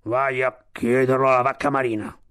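A man voicing a grumpy, sleepy old male walrus in a storybook, talking slow and low. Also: level tone, fairly bright tone, smooth, dry recording, studio quality, natural voice. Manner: slow, grumbling, low-voiced.

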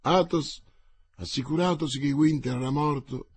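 Husky male audiobook narrator. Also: on the high side, moderate pace, dry recording. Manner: dramatic, paced reading.

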